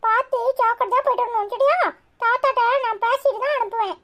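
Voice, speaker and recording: A woman doing a squeaky little Tirunelveli boy. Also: quick pace, fairly bright tone. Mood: coaxing. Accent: Tirunelveli Tamil. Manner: chirpy, high-pitched childish chatter. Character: cheeky little boy, bossy and caring.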